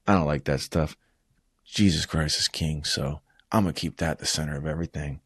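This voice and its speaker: A man's voice: a bass voice, a little fast, fairly bright tone, breathy edge, no echo, studio quality. A man casually recapping fight events at home, rambling and swearing, tossing in "bro" and "man" constantly. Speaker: combat sports vlogger.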